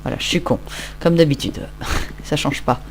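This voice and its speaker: A man's voice: medium pitch, normal speed, creaky, a little hiss or hum. A tired man giving casual, rambling, self-mocking commentary while he plays a game. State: tired, just woke up. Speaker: Minecraft let's-play host.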